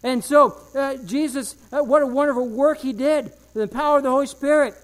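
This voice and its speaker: Preaching with fervent emphasis, a man repeats key phrases and swings between loud declarations and hushed asides. His voice is very high and fairly quick.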